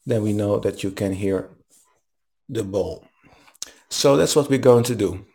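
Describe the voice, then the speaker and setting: A man leading a guided meditation as a teacher, speaking in a calm, soothing manner with long pauses. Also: on the low side, gravelly. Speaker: meditation teacher leading a live online session.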